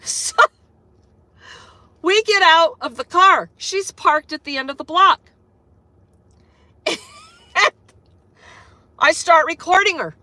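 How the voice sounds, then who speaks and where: A woman with a high, sharp, bright voice tells a story in a casual vlog. She swears freely and retells the clash with animated energy. The sound is dry and close, with little room echo. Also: takes it slowly, long pauses. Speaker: vlogger.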